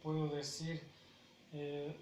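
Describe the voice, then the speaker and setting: Man, language teacher, very slow and deliberate, slightly high voice, echoey room with faint background noise. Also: completely flat delivery, darkish tone. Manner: repeats words syllable by syllable, deliberate. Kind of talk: slow pronunciation lesson.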